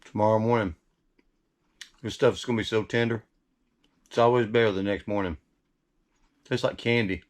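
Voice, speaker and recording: Folksy man, lowish voice. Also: fairly even intonation, moderate pace, long pauses. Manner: folksy, chatty, talking to himself. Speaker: cooking video host. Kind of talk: casual recipe demonstration.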